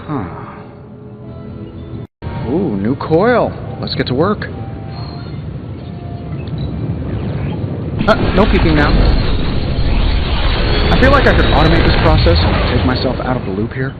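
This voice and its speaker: Glib, sarcastic superhero, higher-pitched. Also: male voice, sing-song, moderate pace, long pauses, dull audio, loud music behind the voice. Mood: musing, fretful, then breezy, teasing. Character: wisecracking, cocky genius inventor superhero, adult man. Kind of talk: video game dialogue, quippy banter.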